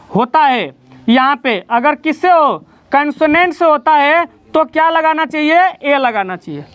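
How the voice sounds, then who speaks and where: A man's voice: extremely high pitch, a bit bright, no echo. A man teaching a grammar lesson in a classroom, explaining step by step and quizzing his students as he goes. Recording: dull lo-fi sound.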